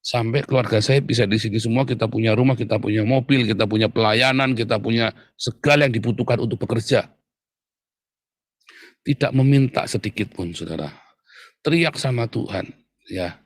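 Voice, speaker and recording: A man's voice: medium pitch, normal speed, long pauses, no echo. Male preacher, everyday conversational sermon, mid-range voice, recorded dry. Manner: conversational, repeatedly addressing listeners as brothers and sisters.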